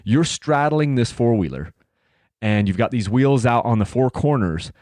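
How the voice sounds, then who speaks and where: A man's voice: mid-range voice, lively intonation, moderate pace, darkish tone, no room sound, studio quality. A man in his late thirties hosting a solo podcast, talking casually in a rambling way with many fillers and restarts. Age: 30s. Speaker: podcast host.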